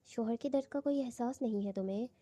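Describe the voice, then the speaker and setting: A woman's voice: a little high, dark tone, no echo, natural voice. A woman reading as a teasing young husband. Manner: coaxing, playful, lightly reading.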